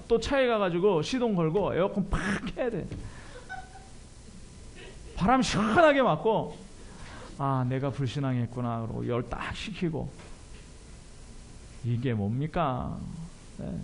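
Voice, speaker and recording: A male pastor preaching a sermon in church, animated and self-deprecating, often asking the congregation questions. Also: a little high, normal speed, gravelly, pauses often, a little hiss or hum.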